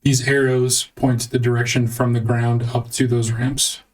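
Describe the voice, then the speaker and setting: A woman game master with a very deep voice narrates and referees a tabletop session. She speaks slowly and deliberately. The mic is a little distant, with faint noise. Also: little pitch movement, a little mellow.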